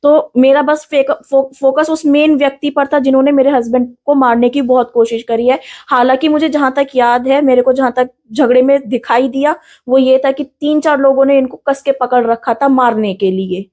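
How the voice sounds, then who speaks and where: A woman's voice: high voice, fairly even intonation, normal speed, few pauses, mellow. A young woman recounting an assault in an interview, earnest and detailed, frightened and still in pain. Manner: earnest, detailed, with restarts and English words mixed in.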